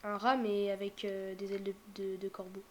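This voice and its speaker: A young woman casually reacting out loud to a game showcase, thinking aloud with many fillers and now and then dropping to a whisper. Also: mid-range voice, completely flat delivery, moderate pace. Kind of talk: casual live reaction commentary.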